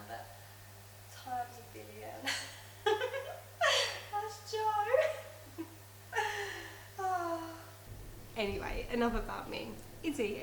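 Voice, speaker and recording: A woman's voice: on the high side, full character voice. A woman playing a giggly, gushing lovestruck girlfriend. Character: giggly lovestruck young woman, smug about her boyfriend. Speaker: sketch character. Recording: roomy echo, faint noise.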